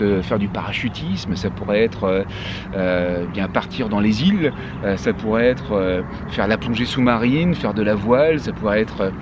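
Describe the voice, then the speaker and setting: Background noise accompanies a French vlogger and life coach in his 50s, whose mid-range voice carries a relaxed, chatty motivational talk to camera from a park bench, peppered with fillers and fresh starts.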